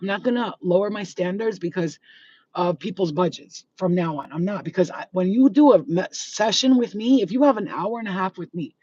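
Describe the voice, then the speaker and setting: A woman's voice: mid-range voice, brisk, darkish tone, husky, no echo. A woman, a spiritual healer ranting bluntly and profanely to her viewers. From New York. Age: 40s. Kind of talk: casual rant to viewers. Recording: slightly dull, faint background noise.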